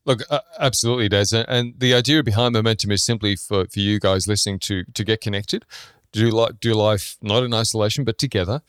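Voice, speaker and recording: This podcast co-host, a man from Ireland or Britain, interviews in an informal, conversational, rambling way. His voice sits fairly low, with a steady, fairly bright, smooth tone and a quick pace, recorded at studio quality with no echo.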